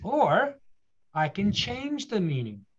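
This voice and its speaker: A man's voice: high voice, sing-song, slow pace, fairly bright tone, dull audio. A man telling his story with earnest motivational emphasis. He asks rhetorical questions and repeats key phrases. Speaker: guest speaker.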